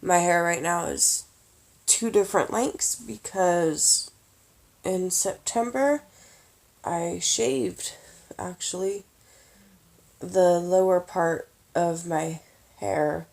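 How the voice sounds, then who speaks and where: Tired woman talking slowly. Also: lowish voice, creaky, a little mellow. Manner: slow, halting, many pauses and fillers. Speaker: vlogger. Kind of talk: casual budgeting advice vlog.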